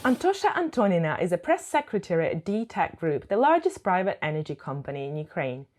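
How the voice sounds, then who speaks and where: Lively, lower-pitched woman news presenter. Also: a little fast. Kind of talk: scripted news narration.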